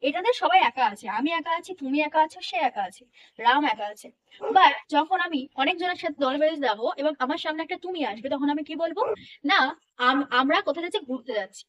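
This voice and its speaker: High-voiced woman teaching English grammar. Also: animated, fairly quick, fairly bright tone. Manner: patient, checks understanding often. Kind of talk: explanatory lesson.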